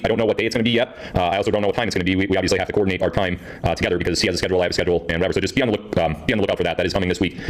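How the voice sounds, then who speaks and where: A man talks to his live audience through a voice changer that pitches his voice deep and unnatural. He rattles along at a very fast clip and keeps circling back over the same points. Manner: rambling, repeats himself. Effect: deep pitch-shifting voice changer. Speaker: live streamer. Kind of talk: casual monologue to viewers.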